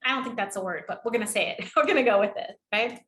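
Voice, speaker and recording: A woman from New England teaching public speaking in a training webinar, lively and demonstrative, often checking in with "right?" and "okay?". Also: medium pitch, quick pace. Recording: echoey room.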